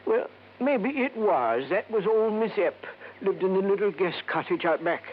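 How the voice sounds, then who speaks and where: In a 1950s radio drama style, an actor plays a wizened, folksy, insistent old American man in a wheelchair, speaking in clipped, hesitant phrases with a grave, troubled mood. His voice is high-pitched with lively intonation at a moderate pace, and the old radio recording sounds dull and noisy.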